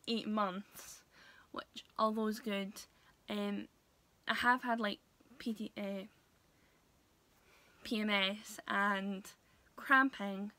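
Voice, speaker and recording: Slow, hesitant young woman. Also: mid-range voice, sharp tone. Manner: hesitant, many pauses and fillers. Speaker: vlogger. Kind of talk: casual vlog talk to camera.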